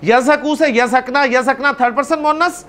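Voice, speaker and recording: A man teaching an Arabic grammar class, explaining patiently, calling on students by name and repeating words slowly. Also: very high-pitched, fairly bright tone.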